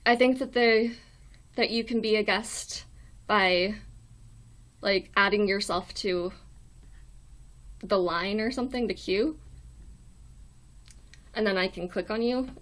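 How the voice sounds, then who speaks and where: Young woman, thin weak voice, mid pitch, hesitant and apologetic casual livestream host. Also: takes it slowly, long pauses, a bit bright. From United States. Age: young adult. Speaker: live stream host. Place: small dorm room.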